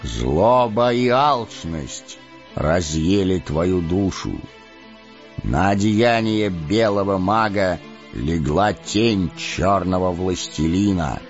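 A man's voice: animated, full character voice. A man putting on Gandalf, a stern commanding old wizard. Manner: booming, stern, deliberate. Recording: dull lo-fi audiobook with faint music.

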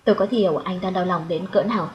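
A woman narrating a story in the first person as an audiobook, in a calm, reflective way. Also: lowish voice, quick pace, highs cut off.

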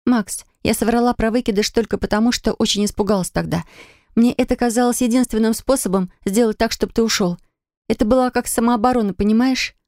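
A woman's voice: a little high, a little fast, a little mellow, no echo, clean studio sound, pitched above the performer's own voice, lightly acted. A woman voicing a hurt, defiant young pregnant wife who talks in a bitter, reproachful way.

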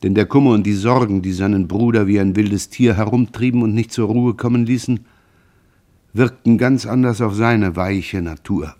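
A man narrating a classic novel aloud in a measured, grave and expressive reading. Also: on the low side. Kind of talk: literary audiobook reading.

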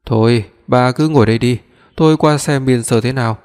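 A calm older father soothes his family, voiced by a man reading an audiobook. He speaks evenly at a middling pitch. A long reverb hangs behind the voice. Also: brisk, natural voice.

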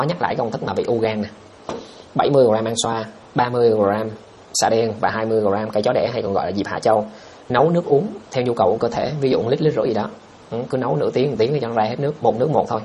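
Fast-talking blunt man. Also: medium pitch, darkish tone, slight background noise. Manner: blunt, scoffing, reads out viewer comments and answers them directly. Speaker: livestream host answering viewer questions. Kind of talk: casual livestream chat.

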